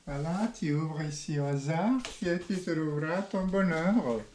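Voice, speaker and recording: Parisian french accent woman, kinda low mellow voice, slow and teasing, just chatting. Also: slight background noise. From France. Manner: playful, teasing. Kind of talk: casual teasing chat.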